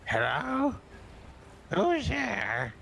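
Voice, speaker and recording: A game master voicing a wary house owner who speaks through a lion-face door knocker, heard through a closed door and asking curt, suspicious questions. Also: male voice, high voice, wildly swooping pitch, extremely slow, vocal fry, sharp tone, a little hiss or hum, pitched above the performer's own voice, full character voice. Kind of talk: tabletop game character voice.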